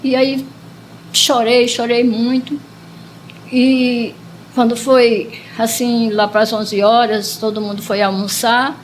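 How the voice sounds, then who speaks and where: Earnest Brazilian woman, high-pitched testimony. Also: flat delivery, slow, a little hiss or hum, rough recording. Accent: Brazilian Portuguese. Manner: earnest, repetitive storytelling with emotion breaking through. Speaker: parishioner giving a testimony. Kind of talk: emotional personal testimony.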